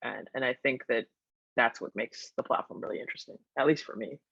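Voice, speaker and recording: A man interviewing in a casual webinar discussion over a video call, relaxed and peppered with filler words. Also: medium pitch, fairly quick, creaky, husky, no echo, highs cut off.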